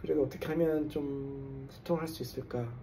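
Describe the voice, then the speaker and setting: Faint music plays behind this distantly recorded man, whose mid-range, dark voice moves a little fast with fairly even intonation. A construction engineer and English coach from South Korea in his forties, he hosts a channel and talks casually to camera, slightly tipsy after drinks, dropping English jargon as he goes.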